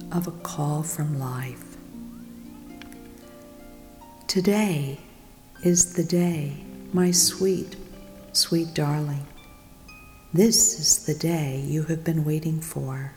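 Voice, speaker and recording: A woman leading a guided meditation, speaking softly and soothingly, often in a whisper. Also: deep voice. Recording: long reverb with music behind.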